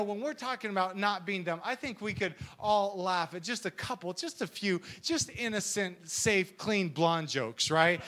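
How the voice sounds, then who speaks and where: Young male preacher, high and bright, animated sermon full of jokes and acted-out voices. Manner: animated, acts out silly voices and laughs. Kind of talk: energetic sermon.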